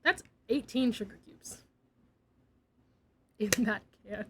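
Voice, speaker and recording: A woman's voice: on the high side, slow, background noise. A young woman streaming, chatting casually and giggly, sometimes dropping to a near whisper. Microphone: desk mic.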